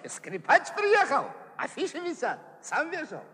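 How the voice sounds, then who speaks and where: An excitable, teasing sailor in a stage musical comedy. The voice is extremely high and bright, full of exclamations and broken grammar, echoing in a large hall. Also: male voice, measured pace, full character voice. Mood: excited, coaxing. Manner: exclamatory, repetitive, foreign-flavoured broken grammar. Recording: long hall reverb.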